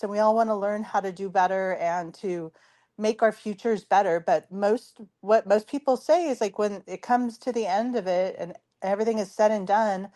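A woman hosting a casual radio talk show in a chatty, informal, giggly way, her voice hoarse and worn from too much talking. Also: mid-range voice, a little mellow.

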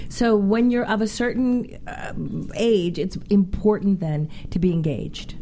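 A woman's voice: medium pitch, lively intonation, a little slow, dark tone, a little hiss or hum. A woman guest on a talk show, chatting casually and chiming in with agreement.

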